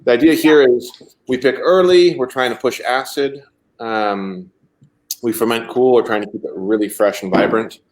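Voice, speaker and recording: A man's voice: medium pitch, moderate pace, a little mellow. A winemaker on a video call, explaining his methods in a detailed, easygoing way and telling stories. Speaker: winemaker guest.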